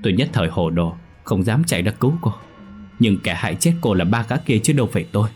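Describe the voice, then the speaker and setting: A man's voice: lowish voice, expressive, fast talker, darkish tone, soft background music, natural voice. A man reading a cowardly, deceitful young villager. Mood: pleading.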